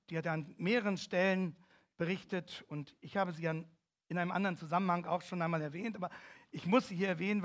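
A man's voice: high voice, a bit bright. A man preaching a sermon, reading a story aloud and driving key phrases home with emphatic, swelling declamation. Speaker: pastor.

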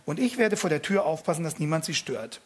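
A man's voice: fairly high pitch, lively intonation, a little fast, husky. Man doing a kindly policeman. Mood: reassuring. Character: kindly middle-aged male prison policeman.

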